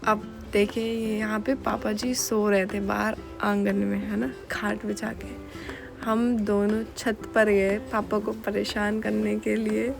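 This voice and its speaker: A woman's voice: mid-range voice, level tone, slow pace, creaky, over music. A young woman narrating a casual home vlog, telling a story in a chatty, giggly way. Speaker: vlogger.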